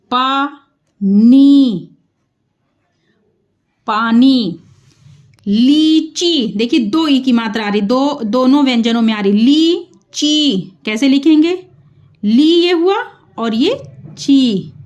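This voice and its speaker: A woman teacher leads a patient spelling lesson in a high voice, dragging each syllable out very slowly. She breaks words into pieces, stretches the long vowels and keeps checking that her students follow along. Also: darkish tone. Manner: checks in with the learners often. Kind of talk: slow classroom-style spelling lesson.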